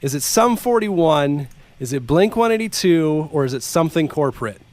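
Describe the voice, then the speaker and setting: This is a man with a slightly high voice, hosting a podcast game with a friend. He teases, laughs easily and reads lyrics slowly and dramatically. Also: animated, no room sound. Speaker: podcast co-host. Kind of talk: casual game chat.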